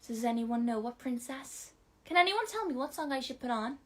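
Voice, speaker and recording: A woman playing a sweet, excitable princess, talking to children like a kids show host with sing-song wonder and encouragement. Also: sits high, normal speed. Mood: sweet, excited. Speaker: children's party entertainer. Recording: loud music over the voice. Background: music.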